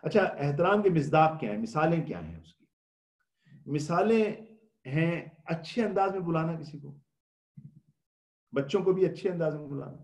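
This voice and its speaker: Male religious lecturer with a fairly high voice; patient, explanatory, poses questions and answers them. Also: lively intonation, long pauses, a little mellow, echoey room. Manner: mixes English words into speech. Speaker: religious scholar giving a Ramadan talk.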